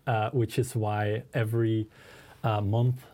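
A man's voice: lowish voice, flat delivery, slow pace, dark tone. A man co-hosting a podcast in English, chatting casually with many ums and uhs. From Belgium. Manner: hesitant, many fillers. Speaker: consultant and podcast co-host.

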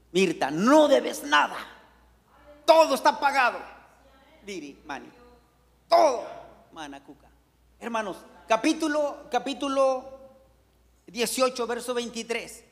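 A man preaching a fervent sermon as pastor, constantly calling out to the brethren as his voice leaps up and down. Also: creaky. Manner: fervent preaching, frequent "hermanos", big pitch swings. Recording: long reverb of a hall.

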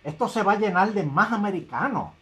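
Puerto rican guy w a highish voice, cohost joking around and doing the voices in his stories. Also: lively intonation, brisk, a bit bright. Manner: joking, acts out quoted voices. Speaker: co-host. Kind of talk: casual comic chat.

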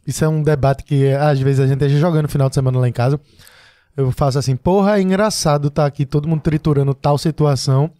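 A man from Brazil telling stories on a podcast, acting out each line of dialogue. His voice is a bit high. The sound is dry and close. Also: fairly even intonation, quick pace, mellow, no echo. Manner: anecdotal, acts out dialogue. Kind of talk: casual chat, storytelling.

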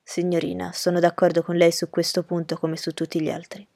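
A woman reading aloud and voicing a brooding gentleman of the manor who answers with slow, courteous irony. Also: lowish voice, completely flat delivery, gravelly, no room sound, clean studio sound, pitched below the performer's own voice. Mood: ironic. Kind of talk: audiobook character reading.

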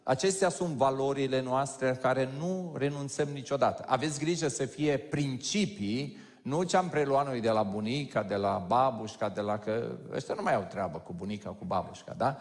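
A pastor giving a conversational sermon to a congregation, joking and speaking straight to his listeners. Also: medium pitch. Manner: lively, joking, addresses the audience directly. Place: large church hall. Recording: long hall reverb.

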